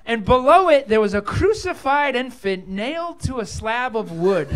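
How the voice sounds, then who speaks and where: A man doing a deadpan stand-up comedy set on a comedy club stage. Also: extremely high pitch, moderate pace. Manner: deadpan absurd joke delivery. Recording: live club audience behind.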